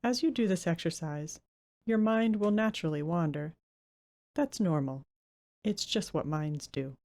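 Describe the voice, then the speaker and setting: Gentle and unhurried, a woman guides listeners through meditation with ample pauses. Her voice is somewhat low and very soft-edged in tone.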